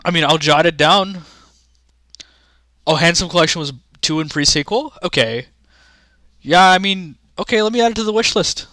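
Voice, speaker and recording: A man's voice: on the high side, moderate pace, long pauses, sharp tone, dry recording, studio quality. A young man rambling casually to his chat during a livestream, often restarting sentences. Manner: rambling, chatty, talks to chat. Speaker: streamer.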